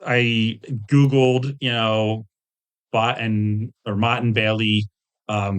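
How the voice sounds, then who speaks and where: In a casual interview, a guest who designs tabletop games and draws webcomics spins rambling, self-deprecating anecdotes with jokey asides. His pitch is fairly low and his tone fairly bright.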